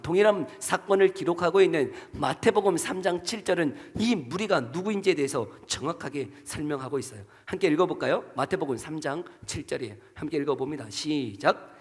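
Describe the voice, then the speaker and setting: A male pastor preaching a sermon to his congregation, rising to emphatic peaks, asking questions and leading the church in reading together. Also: on the high side. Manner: rises to emphatic preaching peaks, then drops to soft asides; asks the congregation questions and leads unison reading. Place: church sanctuary. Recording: long church reverb.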